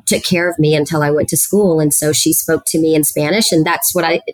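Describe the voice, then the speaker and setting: On a low-quality recording with no room sound, a student housing executive from South Texas tells her career story as a podcast guest. She's middle-aged, with a deep, steady voice that moves a little fast, and she's chatty and sincere, filling gaps with lots of fillers.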